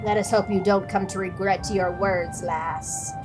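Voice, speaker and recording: A woman's voice: medium pitch, steady tone, unhurried, music in the background, voice pushed down, lightly acted. A woman voicing stern, lecturing village men who speak in an old-fashioned way.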